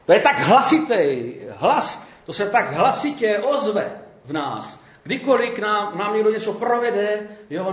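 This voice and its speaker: A man giving a relaxed, conversational sermon, often checking in with his listeners. His voice sits a little high and moves around a lot. The room around him is noticeably echoey. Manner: conversational, keeps asking "jo?". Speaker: preacher.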